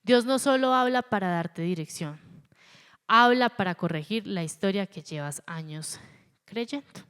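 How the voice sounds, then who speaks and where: A woman with a Colombian accent preaching a sermon, animated and acting out the voices she quotes. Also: medium pitch, unhurried, clean tone. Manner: animated, acts out quoted voices, stutters for effect. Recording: long hall reverb.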